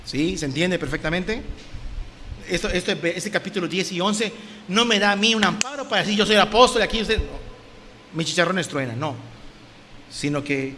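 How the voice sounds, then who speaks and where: A man's voice: high-pitched, a little hiss or hum. A man preaching a sermon, reading scripture aloud and explaining it with emphatic, rising delivery and mocking asides. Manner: emphatic, rising to loud declamation, mock voices for critics. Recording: reverberant hall, faint ambience.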